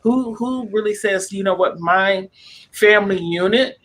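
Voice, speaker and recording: A man's voice: sits high, a little slow, a bit bright. A man speaking on a panel discussion, passionate and emphatic, who acts out the voices of relatives as he makes his points. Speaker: panel guest.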